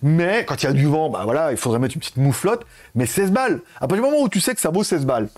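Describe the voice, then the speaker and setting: A man's voice: fairly high pitch, sing-song, fast talker, a little mellow. A man chatting through a casual product review, rambling and correcting himself mid-sentence on a wireless lapel mic. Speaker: tech reviewer.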